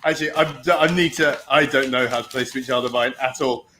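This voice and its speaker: A man's voice: mid-range voice, fairly even intonation, a little fast, noisy background. A man chatting on a comedy video call, hesitant and self-deprecating, full of ums. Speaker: comedy troupe member. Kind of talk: casual video-call chat.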